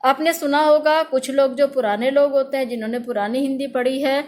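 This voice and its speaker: A woman teacher giving a grammar lesson, saying letters slowly and loudly for pupils to repeat after her. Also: sits high, fairly even intonation.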